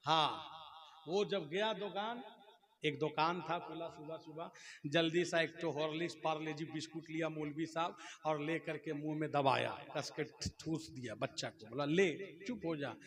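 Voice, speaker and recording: A man preaching a storytelling sermon at a religious gathering, acting out dialogue, laughing and rising to shouts. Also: a little high, steady tone, moderate pace, a crowd in the background.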